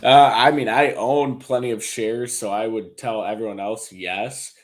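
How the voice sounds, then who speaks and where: A man co-hosting a casual fantasy football podcast, giving relaxed opinions with hedges and ums. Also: on the low side, measured pace. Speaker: podcast co-host.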